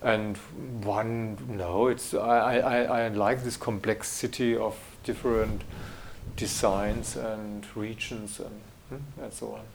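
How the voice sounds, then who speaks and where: A middle-aged German graphic designer takes interview questions in English with a German accent, his male voice fairly low, fairly even in intonation and creaky with vocal fry, over slight background noise. He speaks slowly and haltingly, with many fillers and restarts.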